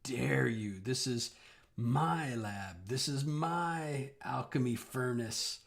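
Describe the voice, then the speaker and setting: A man voicing an enraged, haughty old hag alchemist in a tabletop game, with a raspy, imperious voice. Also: mid-range voice, takes it slowly. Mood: indignant, threatening.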